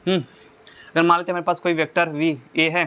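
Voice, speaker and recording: A man teaching physics at a board, walking through each step and often pausing to ask whether the class follows. His voice sits a little high for a man. The recording sounds somewhat dull and lo-fi. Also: level tone, smooth. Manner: explains step by step, asking the class rhetorical check questions. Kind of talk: whiteboard physics lesson.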